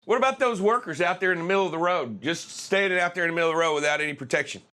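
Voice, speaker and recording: Male host, lively live-show chatter, brilliant timbre. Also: sits high, racing. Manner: animated, exclaims and acts out reactions. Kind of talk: casual live talk show chat.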